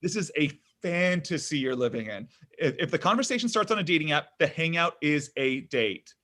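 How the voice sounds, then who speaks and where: This male actor, reading a comedy pilot at the table, voices a thirty-something date who is needy, pushy, whiny, defensive and prone to over-explaining. His voice sits a little high with lively intonation, a moderate pace and a fairly bright tone, and everything feels awkward and defensive.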